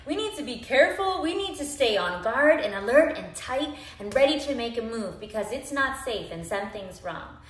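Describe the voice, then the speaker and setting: A woman's voice: fairly high pitch, very animated, normal speed, few pauses. A woman voicing a person's nervous system as a chatty inner voice, exaggerating its lines in an echoey room. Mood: alarmed.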